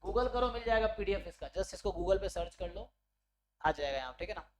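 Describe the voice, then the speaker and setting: A man's voice: sits high, animated, slight background noise. Man teaching, checking in constantly. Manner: explains step by step, often checks understanding with tag questions; reads definitions out slowly word by word. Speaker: statistics teacher. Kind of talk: online exam-prep lecture.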